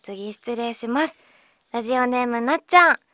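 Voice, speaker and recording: A woman from Okinawa with a slight Okinawan accent, hosting a radio show in a chatty, playful way, reading listener letters with many filler pauses. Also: on the high side, pushed and bright, no echo. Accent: slight Okinawan Japanese. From Okinawa, Japan.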